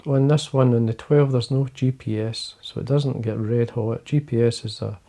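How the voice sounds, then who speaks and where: An older Scottish man, a fly-fishing video host, chats casually to camera from his fly-tying desk indoors. His voice is low, quiet, gravelly and mellow, with a steady tone and normal speed, and he rambles through his points with many fillers and restarts.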